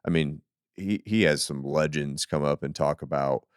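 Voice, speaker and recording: Podcast host guy with a super deep voice, laid back and keen, smooth, dry sound. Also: moderate pace, no echo. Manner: easygoing, enthusiastic, lots of fillers. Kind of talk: casual interview chat.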